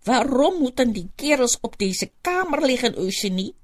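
A woman's voice: fairly high pitch, big pitch swings, moderate pace, voice pushed up. A woman voicing a bashful, upset woman in a hospital bed, speaking in a whiny, plaintive way.

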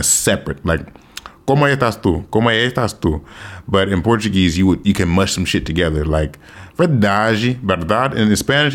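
Guy from the us, deep voice, casual slangy chat, swears some, drops in spanish phrases. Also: a bit bright. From United States. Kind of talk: casual chat about language learning.

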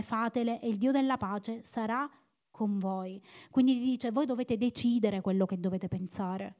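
A woman's voice: on the high side, a little mellow. A woman preaching a sermon in an earnest, exhorting manner, repeating phrases for emphasis.

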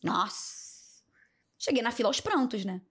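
Speaking a little fast in a medium-pitched voice, a young woman on a podcast recounts a personal story during a casual interview. She's lively throughout, performing the voices of the people she describes.

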